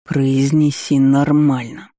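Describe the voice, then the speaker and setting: A man voicing a domineering, threatening male dragon lord, slow and clipped in an audiobook. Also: mid-range voice, level tone, dark tone, dry recording, studio quality, lightly acted. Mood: menacing.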